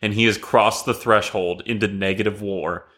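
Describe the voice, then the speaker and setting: A man's voice: fairly low pitch, steady tone, normal speed, fairly bright tone. A man co-hosting a podcast in casual sports chat, blunt and emphatic, swearing freely. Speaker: podcast co-host.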